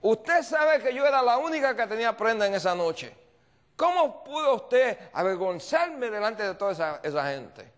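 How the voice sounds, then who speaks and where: A male preacher voicing a furious middle-aged housewife who shouts accusations in a high, indignant voice. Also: a little slow, in a large hall. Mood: accusing.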